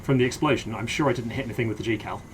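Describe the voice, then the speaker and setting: A man playing a helicopter pilot in a military game, speaking in measured, understated phrases that switch between casual chat and radio procedure. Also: mid-range voice. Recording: loud helicopter noise behind voice.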